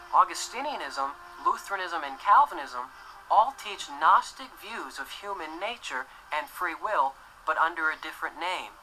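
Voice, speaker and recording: Young male documentary presenter, earnest and measured, very bright voice, soft music under. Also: on the high side, poor audio. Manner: measured, earnest, gestures while explaining. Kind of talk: scripted documentary narration. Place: dim indoor set.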